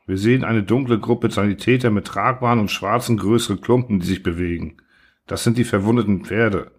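A male audiobook narrator with a fairly low voice reads a story in a measured, somber way. His pacing is even and deliberate. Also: slightly rough. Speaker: audiobook reader. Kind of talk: scripted literary narration.

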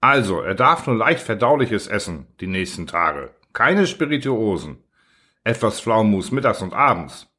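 A man reading a fussy amateur doctor who hands out sick-bed orders slowly and emphatically. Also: fairly low pitch, big pitch swings, bright, forceful tone. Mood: instructive.

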